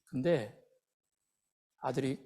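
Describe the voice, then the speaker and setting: A man preaching a sermon as a pastor, telling stories in an animated way and acting out the people in them. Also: mid-range voice, slow. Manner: animated storytelling, acting out quoted voices. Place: church sanctuary. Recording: long hall reverb.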